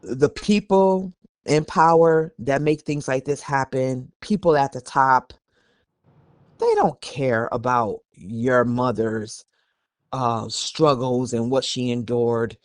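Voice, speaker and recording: A podcast host with a medium-pitched voice talks slowly into a close mic, with almost no room sound and no echo. He shifts between reading an article aloud and chatting about it, giving candid, emphatic opinions.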